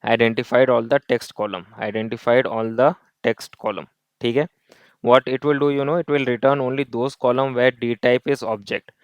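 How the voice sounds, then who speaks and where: A man's voice: medium pitch, fairly even intonation, brisk, smooth, dry recording, dull audio. A man teaching a coding lesson. He explains each step, repeats key points and drops in Hindi tag words. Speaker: coding tutor. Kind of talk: screen-recorded coding lesson.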